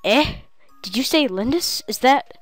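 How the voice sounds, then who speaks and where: A woman reading out a proud, remorseful old grandfather lord from a game, in a hushed, subdued voice. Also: high voice, lively intonation, a little slow, dry recording, soft background music, pitched above the performer's own voice. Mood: sorrowful. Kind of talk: reading game dialogue aloud.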